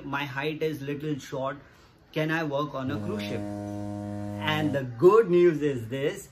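A man, explaining to camera in a casual, earnest way and repeating his points to viewers. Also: a little high. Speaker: vlogger. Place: small indoor room against a plain wall. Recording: music playing underneath.

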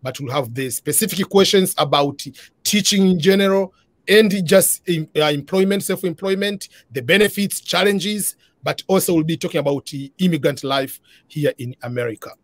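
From his living room, this middle-aged interview host talks at a normal pace with a highish voice, and no room sound is audible. He comes across as earnest over the video call, often restarting and filling gaps with "uh."

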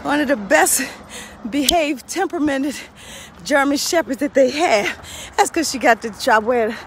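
A woman's voice: high voice, animated, a little slow, background noise. A woman pastor talking casually while walking her dog, praying and chatting to viewers. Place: outdoors on a street, then inside a pet shop.

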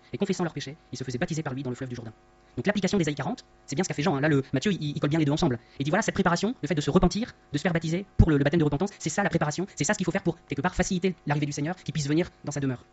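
A man giving an earnest, conversational Bible study talk, often rephrasing himself, his voice masked by voice-disguising software on a dull, lo-fi recording. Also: fairly high pitch, husky. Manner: earnest, rephrases often, tags lines with "hein". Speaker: Bible teacher. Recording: dull lo-fi sound.

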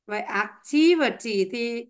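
A young woman leads an online English lesson in a slightly high, unhurried voice. She drills pronunciation patiently, one word at a time. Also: animated. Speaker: English teacher. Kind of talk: online class teaching. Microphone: headset or computer mic on a video call.

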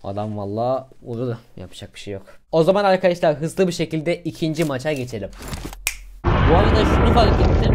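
A young man giving casual, slangy commentary over a mobile shooter game, getting loud and excited in tense moments. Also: fairly high pitch, noisy background. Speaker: gaming YouTuber.

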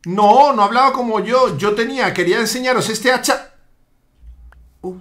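A man hosting a Minecraft role-play, talking in excitable, pleading protests. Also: very high voice, normal speed, heavy background noise. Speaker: gaming channel host.

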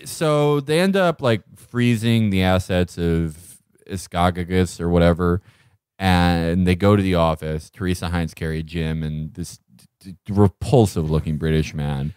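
Man, low voice, dry close mic, rambling sardonic comedic recap, breaks into laughs. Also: measured pace, a little mellow, smooth, no room sound. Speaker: podcast co-host.

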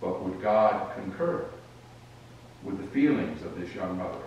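A man reading a story aloud in a worship service, measured and expressive, with brief restarts. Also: deep voice, a little hiss or hum. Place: rural church sanctuary. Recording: echoey church from a distance.

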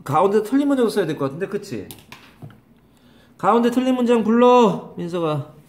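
A man's voice: high-pitched, animated, brisk, a little mellow. A man teaching an English grammar lesson to a class, calling on students by name, repeating questions and scolding them. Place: small classroom.

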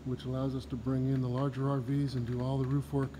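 A man with a Southern US accent gives a casual walkthrough of a large indoor RV repair shop, describing the technical work plainly and with some fillers. His mid-range voice is monotone and quick, with a noisy background.

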